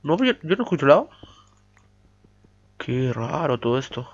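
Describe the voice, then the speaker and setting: A man's voice: mid-range voice, very animated, moderate pace, husky. A man giving chatty let's play commentary while mining, humming "pa pa pa" to himself. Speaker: gamer. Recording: dull lo-fi mic audio.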